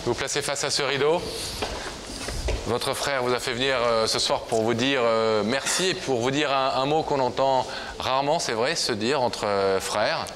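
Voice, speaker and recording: A man's voice: medium pitch, moderate pace, fairly bright tone. A man presenting as a television host, addressing guests in a studio. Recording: noisy studio, audience behind.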